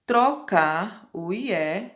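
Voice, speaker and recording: A woman's voice: mid-range voice, expressive, drawn-out words, fairly bright tone. Patient woman teaching grammar. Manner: patient, repeats rules step by step with checking questions. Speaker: English teacher. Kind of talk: grammar lesson explanation.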